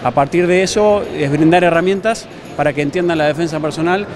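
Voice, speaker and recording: A self-defense instructor in his thirties from La Plata, Argentina, answers interview questions spontaneously and explanatorily in Argentine Spanish. His voice is on the high side and fairly quick, picked up by a handheld reporter microphone in a large, busy indoor gym with a crowd behind him.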